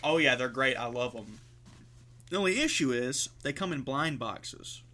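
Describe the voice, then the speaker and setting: A man's voice: medium pitch, animated, moderate pace, pushed and bright. A man co-hosting a podcast in casual chat, rambling with lots of fillers and swearing freely. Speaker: podcast co-host.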